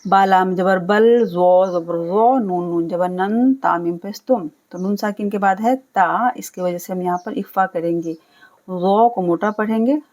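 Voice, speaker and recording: Woman, recitation teacher; measured, unhurried delivery, spells sounds then chants words long, patient explainer. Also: mid-range voice, a little mellow. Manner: spells out letters and vowels, then chants words drawn out slowly; explains rules patiently, often checks with a quick "okay". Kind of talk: step-by-step recitation lesson.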